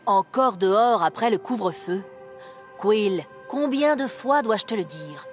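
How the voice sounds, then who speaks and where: A protective old uncle mouse who scolds and snaps orders in a storybook game, as a woman narrator puts him on. His voice sits at a middling pitch, and soft game music plays underneath. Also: lively intonation, a little slow, close to an everyday voice. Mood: alarmed. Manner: stern, scolding, curt. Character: stern elderly male mouse uncle, protective.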